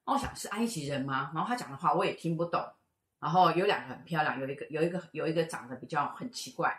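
A middle-aged woman with a low voice tells stories in a loose, chatty way. She lively acts out the people in her tales. The sound is roomy and echoey. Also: very fast. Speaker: fortune teller and show co-host. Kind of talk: casual storytelling chat. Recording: echoey room.

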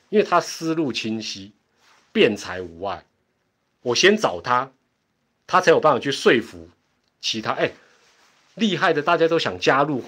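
A man's voice: medium pitch, fairly bright tone, husky. A middle-aged man with a Taiwanese accent hosting a casual livestream, chatty and rambling, laughing often between asides. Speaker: livestream host. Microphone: home internet setup.

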